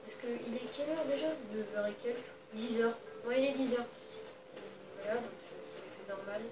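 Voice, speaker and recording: Brief: woman, higher voice, soft rambling let's-play commentary, mic far off in an echoey room, music clearly behind. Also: moderate pace. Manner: talks quietly, holding her voice down at night; rambling, full of hesitations. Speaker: gaming channel host.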